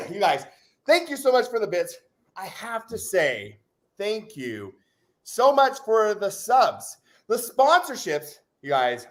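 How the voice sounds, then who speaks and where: Male livestream host, upbeat and joking, lively high voice, just over covid. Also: slow. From Utah. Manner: exuberant, whoops and shouts, jokey. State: recovering from covid. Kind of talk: casual live chat.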